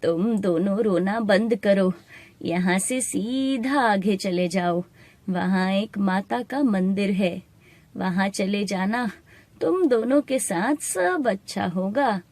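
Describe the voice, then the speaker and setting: A woman voicing a kind, mysterious old woman who gives slow, soothing guidance. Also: medium pitch, a little mellow, no room sound.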